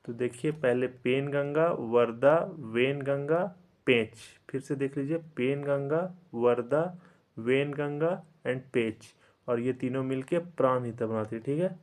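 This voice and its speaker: A man's voice: mid-range voice, darkish tone. Guy tutoring for exams, drills names over and over, says theek hai a lot, mixes in english words. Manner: repetitive drilling, frequent "theek hai" fillers; slow, deliberate recitation for memorizing. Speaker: teacher. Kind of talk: exam-prep geography lesson.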